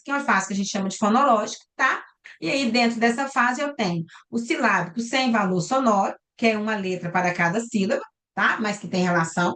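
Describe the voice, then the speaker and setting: A woman's voice: a little high, a bit bright. Woman teaching an online class. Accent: Brazilian Portuguese. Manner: explains step by step, often ending with "tá?" and "né?". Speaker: lecturer. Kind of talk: recorded online class lecture. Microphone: computer mic on a video call.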